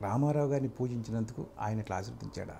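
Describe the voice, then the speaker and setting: An older man, a film actor, recounting his career in a soft-spoken, casual interview manner, speeding up when he retells conversations. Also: fairly low pitch, rapid-fire, vocal fry, a little hiss or hum.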